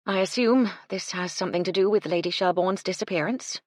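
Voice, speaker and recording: Narrator doing a calm polite hotel lady, husky low voice, storybook. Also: brisk, no echo, studio quality, natural voice. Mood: composed.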